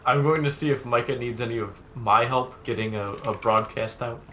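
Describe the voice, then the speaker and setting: Man, tabletop player, casual action calls, bright forward voice, faint noise. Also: medium pitch, moderate pace, low-quality recording. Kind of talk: casual description of game actions.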